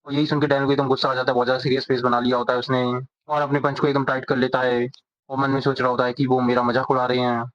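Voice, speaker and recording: A man narrating a comic's plot as a rapid storytelling recap, voicing each character. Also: medium pitch, level tone, a bit bright. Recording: dull, dry lo-fi recording.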